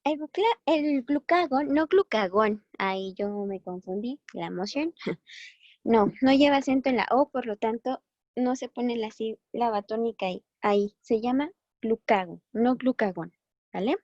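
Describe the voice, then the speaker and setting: A woman gives a recorded lesson, her voice sitting on the higher side. She talks in a chatty, encouraging way and often stops to correct herself. The sound is dry and a little dull. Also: moderate pace, a little mellow, dry recording. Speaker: biochemistry teacher. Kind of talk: recorded online class.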